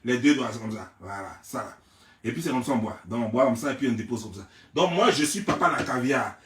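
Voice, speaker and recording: A young man from Côte d'Ivoire with an Ivorian French accent, ranting in a theatrical, mocking gossip vlog and often raising his voice to a shout. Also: mid-range voice, expressive, brisk. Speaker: gossip vlogger. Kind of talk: mocking gossip rant to camera. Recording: roomy, mic at a distance.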